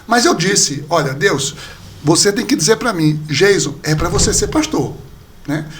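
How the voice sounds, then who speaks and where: A man, a pastor and podcast guest, telling a personal story in casual conversation, lively and acting out the people he quotes. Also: high voice, unhurried. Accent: Brazilian Portuguese. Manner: animated storyteller, acts out quoted dialogue.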